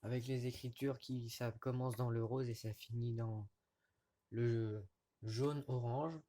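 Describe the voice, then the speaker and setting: Guy filming his vinyl collection at home, mid pitch, stop-start talking, faint hiss behind. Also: steady tone, dark tone. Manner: hesitant, halting with frequent fillers and restarts. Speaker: record collector vlogger. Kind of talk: casual show-and-tell of vinyl records. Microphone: camera mic at close range.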